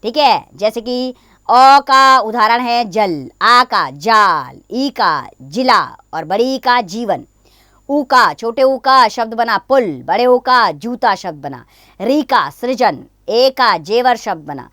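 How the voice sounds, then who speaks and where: A woman teaching children a grammar lesson, explaining patiently and slowly, one example at a time. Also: fairly high pitch, animated, a bit bright, dry recording, studio quality.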